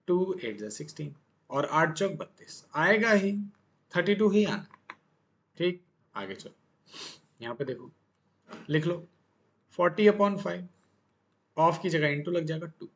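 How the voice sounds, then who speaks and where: A man's voice: on the high side, fairly bright tone. A male maths teacher giving a casual, chatty lesson, joking and asking the class questions as he works.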